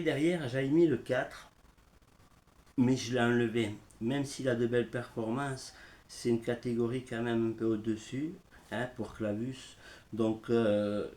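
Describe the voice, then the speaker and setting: A man giving horse racing betting tips in a casual live stream, speaking haltingly and filling pauses with the same word. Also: mid-range voice, darkish tone. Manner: slow, halting, repeats "voilà" often. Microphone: smartphone.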